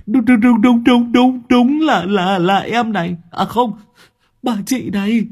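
Scared student guy in an audiobook, shrill and stammering, husky edge. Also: unhurried, a little mellow, exaggerated voice. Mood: terrified. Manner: stammering, wailing in a shrill strained voice. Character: panicky young male student, terrified and whiny.

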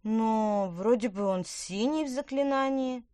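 A woman reading a storybook, voicing an excitable young female witch who speaks high and loud and chants spells slowly. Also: no room sound, clean studio sound, natural voice. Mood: fretful.

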